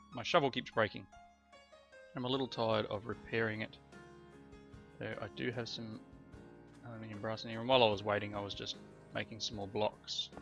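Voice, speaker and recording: A lowish, creaky, slightly bright male voice belongs to a let's play host who is coming down with a cold. He chats through a video game in rambling, self-correcting casual commentary. Faint background music plays in the slightly dull lo-fi recording.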